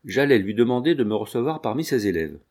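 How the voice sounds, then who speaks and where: Homme lisant un roman à voix posée. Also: male voice, medium pitch, very animated, fast, a little mellow. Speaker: audiobook reader. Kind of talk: scripted narration.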